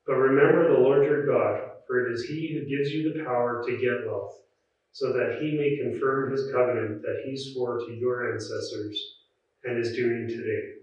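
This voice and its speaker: A man reading scripture at a church service in a measured, solemn, formal liturgical way, with an echoing cathedral-like sound. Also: mid-range voice, fairly even intonation, a little mellow. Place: large reverberant church. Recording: very echoey church, distant muffled mic.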